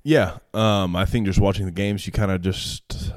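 Heard with studio clarity and no echo, a low, steady male voice speaks at a moderate pace. He's a pro football player in his 20s, easygoing as he chats and spins stories, laughing and using plenty of fillers.

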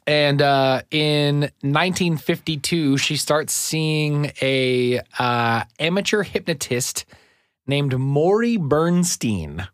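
A man's voice: fairly high pitch, expressive, takes it slowly, dry recording. A man co-hosting a podcast in casual, joking banter, his voice clipping and distorting from talking too close to the mic. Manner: joking, plays along with teasing. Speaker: podcast co-host.

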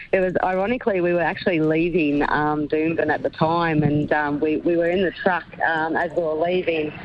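A woman's voice: deep voice, steady tone, moderate pace, dull audio, slight background noise. An Australian woman, a racehorse trainer, chatting in a radio interview over the phone, hesitant and full of ums and restarts.

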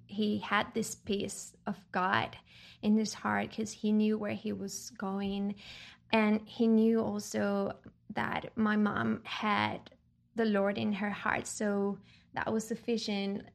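Podcast guest, woman from Chile, earnest reflective testimony, gravelly fry in the voice. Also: mid-range voice. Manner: earnest, reflective, many ums. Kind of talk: faith testimony conversation.

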